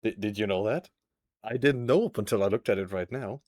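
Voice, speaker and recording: A man's voice: lowish voice, fairly quick, darkish tone, no echo, studio quality. A young man livestreaming a game, rambling and stammering as he chats, swears and jokes with his viewers. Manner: rambling, stammering, profane and joking. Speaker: streamer. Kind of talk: casual game livestream chat.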